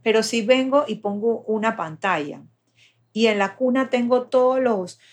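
A woman's voice: fairly high pitch, moderate pace. A woman explaining child development step by step in a patient, conversational way.

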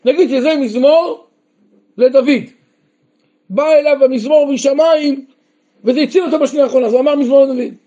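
A man's voice: very high voice, pauses often, mellow. A rabbi teaching a Torah lesson to a group, often asking questions and answering them himself, at times raising his voice with emphasis. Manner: breaks into emphatic raised outbursts. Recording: dull lo-fi recording.

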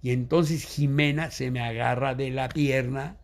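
An older man with a Mexican Spanish accent, telling family stories as an interview guest, animated, acting out what others said. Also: medium pitch, unhurried. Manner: animated, acts out quoted voices. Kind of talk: storytelling in a casual interview.

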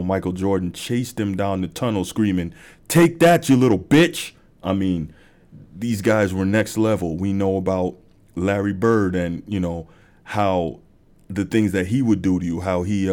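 A man's voice: sits low, dark tone. A man hosting a sports podcast, talking through basketball stories in a loose conversational way with many fillers. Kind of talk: casual monologue.

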